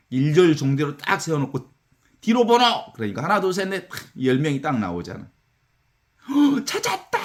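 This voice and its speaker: Animated Korean priest giving a talk. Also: male voice, mid-range voice. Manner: conversational, animated storytelling with acted-out counting. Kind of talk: spiritual lecture.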